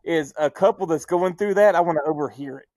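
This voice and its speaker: A man's voice: a little high, brisk, a little mellow, dry recording, rough recording. A man co-hosting a casual podcast, telling a crude joking story and laughing as he talks. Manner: joking, crude humor, laughs while talking. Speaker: podcast co-host.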